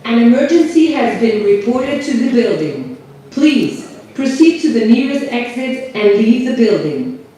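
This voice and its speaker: A woman's prerecorded evacuation announcement, calm and formal, played over a public address loudspeaker. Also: fairly high pitch, measured pace. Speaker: recorded emergency announcer. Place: seminar room with a demo sound system. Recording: echoey loudspeaker sound from far off.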